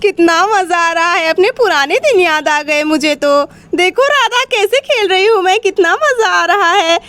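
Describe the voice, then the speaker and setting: A doting village mother doll fusses over her child and scolds her gently, as a woman voices her. Her voice is very high and bright. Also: animated, moderate pace, no room sound. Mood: cheerful. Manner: fussing, affectionate scolding.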